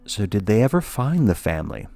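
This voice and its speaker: A man with a very low voice tells a spooky story in a scripted, measured way, with a dry, wry edge. Quiet music plays softly under his narration. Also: sing-song, creaky, no room sound. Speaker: podcast narrator.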